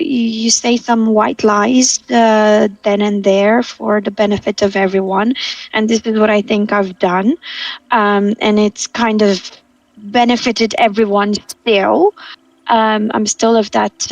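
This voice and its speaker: A woman playing in a tabletop game, talking about her character in a halting way, repeating words and filling pauses. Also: on the high side, gravelly, no room sound. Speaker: player. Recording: dry, distant from the mic.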